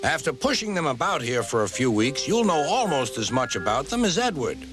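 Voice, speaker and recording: A man voicing a stern, authoritative gentleman who runs a railway, in a children's storybook. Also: mid-range voice, big pitch swings, brisk, music in the background, close to an everyday voice.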